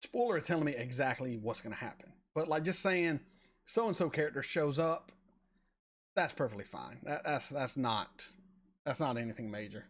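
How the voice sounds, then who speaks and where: In an animated mid-range voice, this forties-aged reaction channel host reads his chat aloud and replies to viewers on a live stream. The talk is casual and rambling, halting as he repeats words.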